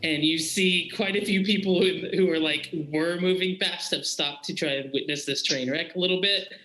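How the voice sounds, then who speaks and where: A man's voice: high voice, steady tone, moderate pace, pushed and bright. A man narrating a tabletop game as game master, casual and full of fillers, in an echoey room with faint music.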